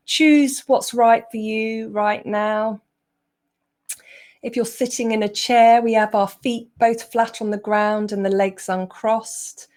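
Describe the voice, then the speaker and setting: Guiding listeners through meditation, a woman speaks softly and slowly in a mid-range voice. Long silences separate each of her instructions as the meditation teacher.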